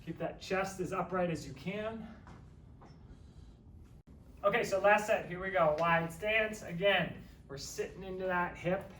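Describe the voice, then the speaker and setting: A man's voice: high-pitched, unhurried, pauses often, a bit bright, far from the mic, a little hiss or hum. A man leading a workout class, joking and counting reps while exercising and a little out of breath. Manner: upbeat, joking coach talk, counting reps. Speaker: fitness instructor. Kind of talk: guided workout instruction. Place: empty room. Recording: echoey room, from away from mic.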